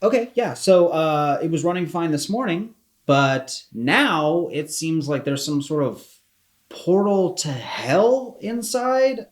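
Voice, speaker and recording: An actor playing a hesitant, deadpan man calling customer support, with dry understatement in a comedy. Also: fairly high pitch, takes it slowly. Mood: bemused. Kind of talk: comedy dialogue.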